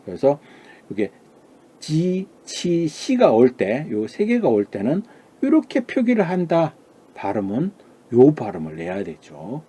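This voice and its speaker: A man's voice: mid-range voice, huge pitch swings, normal speed, warm tone, husky. A man giving a classroom lecture on Chinese pronunciation. He asks questions and answers them himself, and he sounds out model syllables.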